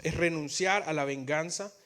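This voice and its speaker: A man's voice: on the high side, moderate pace, fairly bright tone. A male pastor preaching a sermon in Spanish. He is earnest and often repeats words or restarts as he builds his points.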